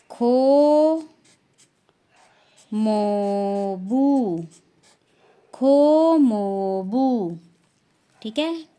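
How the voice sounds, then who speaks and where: A young woman teaching a beginner language lesson, saying each new word slowly and loudly, twice over. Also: medium pitch. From India.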